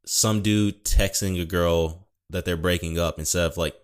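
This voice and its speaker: Deep-voiced young man, casual rambling. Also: fairly even intonation, normal speed, clean tone. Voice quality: mild speech impediment. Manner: rambling, frequent swearing and self-corrections. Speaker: podcast host. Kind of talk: casual solo talk.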